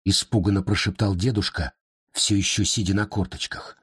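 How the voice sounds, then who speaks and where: A man reading a story aloud in a measured, expressive storytelling manner. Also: on the low side, breathy edge. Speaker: narrator. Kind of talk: scripted audiobook narration.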